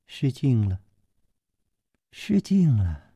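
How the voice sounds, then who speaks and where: A man voicing a cold, mocking male swordsman who speaks softly and sneeringly. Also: mid-range voice, big pitch swings, a little slow, no room sound, clean studio sound. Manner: soft, breathy and sneering.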